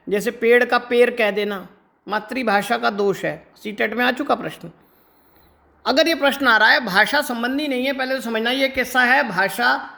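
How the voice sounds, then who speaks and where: A man's voice: very high-pitched, creaky, bright, forceful tone. A man teaching an exam-prep lecture. He explains step by step and often checks in with rhetorical questions. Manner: stretches words slowly to demonstrate pronunciation. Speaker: Hindi teacher.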